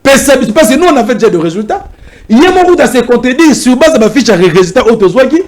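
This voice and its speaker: High-pitched man, fast heated political guest, keeps repeating himself. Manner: animated, rapid, repeats himself. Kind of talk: heated political debate in French and Lingala.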